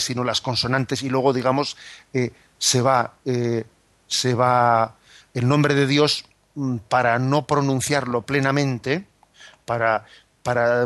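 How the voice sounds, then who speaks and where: A man's voice: mid-range voice, a bit bright, no room sound. A man explaining scripture as a catechism teacher, speaking thoughtfully with frequent tag questions and fillers.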